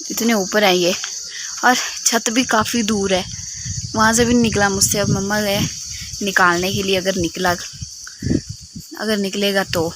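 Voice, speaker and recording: A woman's voice: medium pitch, fairly even intonation, unhurried, long pauses, noisy background. A young woman vlogging at home on her phone. She chats casually and gushes, repeating herself for emphasis. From Himachal Pradesh, India. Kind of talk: casual vlog chat. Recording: echoey, roomy sound.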